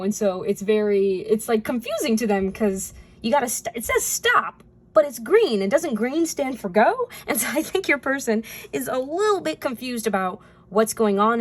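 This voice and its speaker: A woman giving a casual spoken tarot reading, chatty and rambling, with frequent fillers and easy laughs. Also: medium pitch. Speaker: tarot reader.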